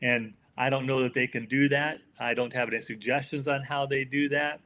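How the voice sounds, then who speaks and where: An older American man, an author appearing as a podcast guest, offers folksy, opinionated answers in a conversational interview. His medium-pitched voice is pushed and bright, holding a steady tone at normal speed.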